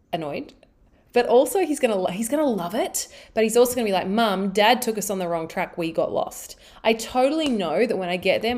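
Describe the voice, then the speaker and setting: A middle-aged woman telling a family story in a casual, chatty monologue, acting out the voices of her family. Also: lowish voice. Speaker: human design speaker.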